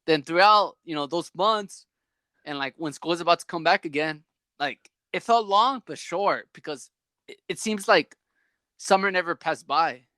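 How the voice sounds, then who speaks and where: A young man hosts a podcast in a casual, rambling chat over a video call. His voice is bright and a touch high, and he keeps stringing thoughts together with "like". The sound is dry and close. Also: a little slow, no room sound. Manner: rambling, animated, many "like" fillers. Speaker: podcast host.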